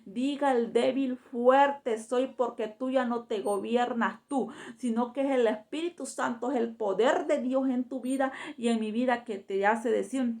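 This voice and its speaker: A woman's voice: a little high, a little mellow. A woman preaching a sermon fervently in Spanish, filling her phrases with repeated tag questions. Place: church.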